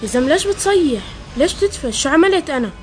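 Woman playing a protesting young sister, very fast, high voice. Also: expressive, faint music behind. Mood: indignant.

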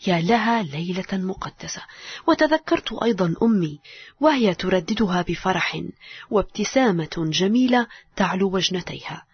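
Homecoming soldier guy, woman reading him, really breathy husky voice, tone goes up and down a lot. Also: mid-range voice, no room sound. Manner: first-person storytelling, earnest. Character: male soldier home from the trenches. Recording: dull lo-fi recording.

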